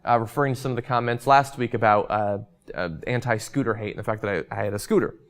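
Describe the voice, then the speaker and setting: A man's voice: on the low side, fast talker. A young man hosting a show and chatting casually through viewer comments, losing his voice, with frequent ums and uhs. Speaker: host.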